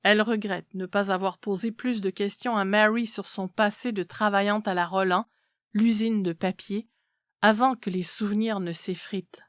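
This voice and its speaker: A woman's voice: mid-range voice, fairly even intonation, normal speed, no room sound. Woman reading a story, dry close sound. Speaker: narrator of a literary short story. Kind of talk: scripted literary narration, read aloud.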